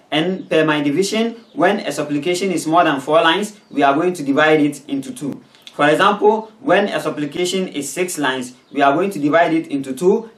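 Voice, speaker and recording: A man teaching a lesson on supplications, slowly repeating words to model their pronunciation. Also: fairly high pitch, a bit bright. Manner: slow, deliberate repetition of words for pronunciation. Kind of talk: instructional lesson with pronunciation drills. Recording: echoey room.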